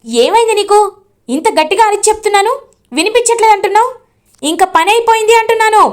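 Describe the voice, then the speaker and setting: A woman voicing an angry young woman who shouts at a servant, loud and high. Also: expressive, fast. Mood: shouting.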